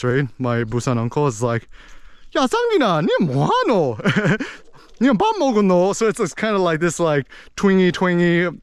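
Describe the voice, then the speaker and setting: A man talking in a casual, rambling way, full of "like" and "you know", animated as he explains things. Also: medium pitch, clear, resonant tone, no room sound. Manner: animated, slips into impressions of accents.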